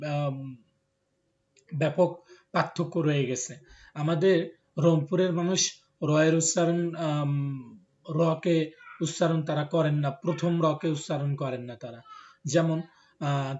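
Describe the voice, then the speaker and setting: A male teacher, giving a classroom lecture and explaining slowly with many fillers. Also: fairly high pitch, darkish tone. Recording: dull lo-fi recording.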